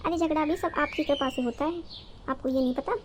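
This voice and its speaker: A woman's voice: high-pitched, brisk, background noise, lightly acted. A woman voicing a quarrelsome, resentful young wife in a cartoon story, scolding and sarcastic. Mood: angry.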